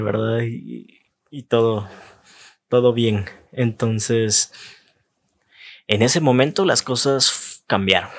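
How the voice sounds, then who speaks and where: Unhurried man telling a story. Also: lowish voice. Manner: acts out the voices of people in his story; unhurried, pauses between short phrases. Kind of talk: storytelling anecdote.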